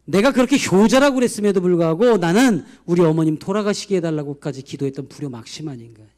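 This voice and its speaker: A middle-aged man preaches a heartfelt testimony from the pulpit. His voice sits high for a man and leaps up and down in pitch. He storytells with emotion, jumping from loud bursts to near whispers. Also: lively intonation, fast. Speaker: pastor. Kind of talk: testimony sermon.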